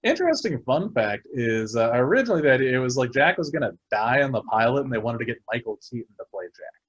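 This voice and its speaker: Male co-host, husky, quick and animated, casual swearing, muffled lo-fi call sound. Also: medium pitch. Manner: fast, animated, swears a lot. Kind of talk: casual chat.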